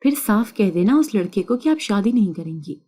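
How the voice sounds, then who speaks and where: A woman voicing a bitter young sister-in-law who speaks quietly and pleads. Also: mid-range voice, sing-song.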